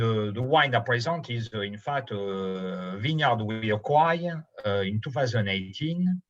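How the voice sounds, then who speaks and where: French guy with thick-ish accent, low husky voice, halting winemaker presentation, dull lo-fi audio. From Bordeaux, France. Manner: halting, with non-native phrasing. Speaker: winemaker presenting his estate's wine. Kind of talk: informal spoken presentation.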